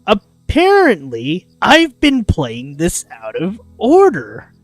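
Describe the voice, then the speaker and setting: A livestreamer reads a visual novel aloud in a mid-range voice with a very animated, swooping delivery, taking an unhurried pace. The casual reading is sprinkled with goofy asides. The sound is close and dry, with clear music underneath.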